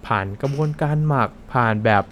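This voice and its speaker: A man's voice: medium pitch, a little fast, fairly bright tone. A man in a casual podcast conversation, speaking in a mid-range voice. He explains things in a chatty, easygoing way. A faint noise sits under the recording. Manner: chatty, laughs often, polite particles. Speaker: podcast co-host explaining coffee.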